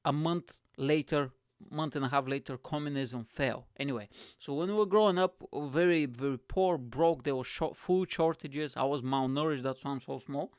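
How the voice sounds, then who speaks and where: Host, man in his thirties from Bulgaria, slightly high voice, crude and rambling, close dry mic. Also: normal speed, smooth, no room sound. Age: 30s. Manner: profane, rambling, animated, laughs often. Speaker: show host. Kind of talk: casual monologue to camera.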